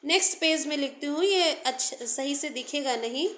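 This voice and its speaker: A woman's voice: high-pitched, moderate pace, a bit bright, roomy sound. A woman teaching an English grammar lesson in Hindi and English, explaining step by step while she writes.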